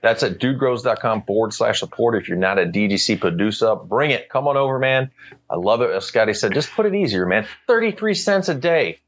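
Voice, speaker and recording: A man's voice: medium pitch, expressive, a little fast. A man hosting a podcast in casual chat, laid-back and rambling, full of slang. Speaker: podcast host.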